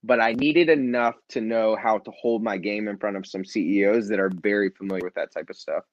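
In a lively interview, a man who founded and runs a nonprofit talks leadership with motivational energy, emphatic and fond of repeating phrases. He has a fairly low voice and speaks a little fast; the audio is dry but slightly muffled and lo-fi.

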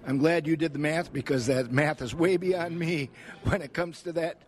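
A man's voice: on the high side, moderate pace. An American man working as a radio host, conducting an interview. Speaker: radio host and fair reporter.

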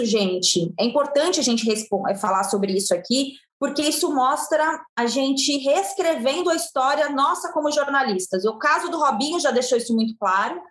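A woman hosting a sports show speaks in a live TV discussion with a high voice in an echoey room. She talks earnestly with a Brazilian Portuguese accent, repeating her points and using many fillers.

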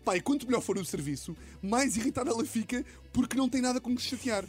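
A young man with a European Portuguese accent, hosting a radio comedy slot and telling an animated comic story. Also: very high-pitched, faint music behind. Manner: rapid, animated storytelling with lots of acted quotes. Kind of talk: comic monologue. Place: radio studio.

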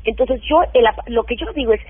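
High-voiced woman expert over a phone line. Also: fast, slightly rough, no echo. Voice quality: practical, animated, acts out what mothers say. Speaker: parenting expert guest. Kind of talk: radio interview advice.

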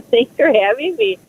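A woman's voice: high-pitched, husky. A woman from Wisconsin calling in to a radio show by phone from her car, talking eagerly and chatting with the host. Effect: phoned-in call to a radio show. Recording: tinny phone line with faint noise.

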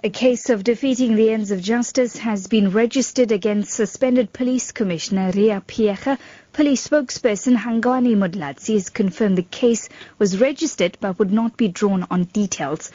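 A woman's voice: medium pitch, normal speed, warm tone, no echo, highs cut off. A South African woman presenting a scripted radio news bulletin. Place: radio studio.

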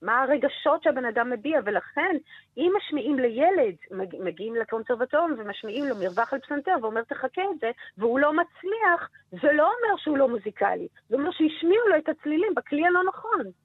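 A woman who teaches voice and researches vocal cognition, speaking in an energetic, emphatic, teacherly way as a guest in a radio interview by phone. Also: sits high, dry recording. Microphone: telephone. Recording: dry, tinny phone line.

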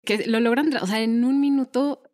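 A woman's voice: on the high side, steady tone, normal speed, a little mellow. A woman co-hosting a podcast, chatting casually and retelling film scenes with many fillers. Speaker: podcast co-host.

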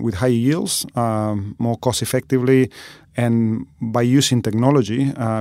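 A man's voice: medium pitch, darkish tone, dry recording. Middle-aged man explaining, dry sound. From Argentina. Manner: thoughtful, explanatory, with frequent fillers. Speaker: olive oil expert guest. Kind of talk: conversational interview answers.

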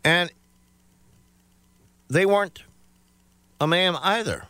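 A man's voice: high-pitched, takes it slowly, sharp tone, dry recording. A man telling a rambling comic story, hesitant and full of self-praise.

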